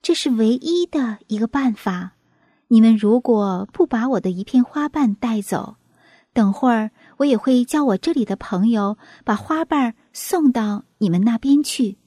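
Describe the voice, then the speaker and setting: A woman voicing a gentle, brave young female flower in a storybook tale, speaking earnestly. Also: fairly high pitch, lively intonation, normal speed, no echo, studio quality. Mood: determined. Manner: earnest, pleading.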